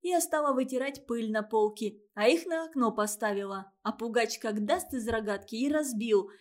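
A woman plays a spoiled little storybook girl, sly and quick-tongued, wheedling and lying in a high, ringing voice. She chatters without pause. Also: natural voice.

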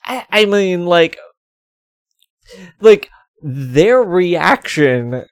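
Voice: medium pitch, sing-song, drawn-out words, dry recording, studio quality. A podcast co-host chatting casually about a TV episode, rambling with lots of "like" and frequent laughs. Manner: rambling, heavy on "like," laughs often. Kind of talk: casual chat reviewing a TV episode.

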